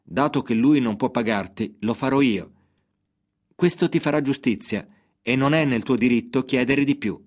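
A man narrating a religious parable and scripture references in a measured, even reading voice. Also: mid-range voice.

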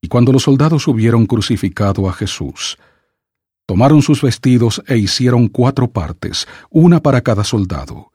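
A man reading scripture aloud for an audiobook in a measured, solemn way. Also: mid-range voice, animated, dark tone, husky, no echo, studio quality. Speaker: scripture reader.

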